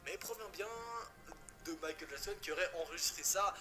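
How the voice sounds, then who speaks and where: A man's voice: fairly high pitch, brisk, pushed and bright. A man from France telling a horror story casually, cracking jokes and swearing in asides to the viewer. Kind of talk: casual creepypasta narration. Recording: music playing behind.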